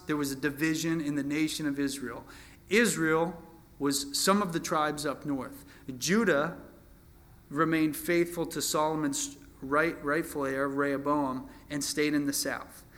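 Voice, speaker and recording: With a fairly high pitch and fairly bright tone, a man in his twenties delivers an informal sermon teaching from the Bible. He keeps it conversational, makes light of himself, and often starts his phrases over.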